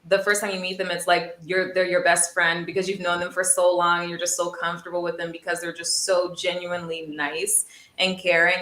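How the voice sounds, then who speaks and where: Bright, effusive woman host, echoey room. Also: fairly low pitch. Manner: warm, effusive, laughs often. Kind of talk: casual interview chat.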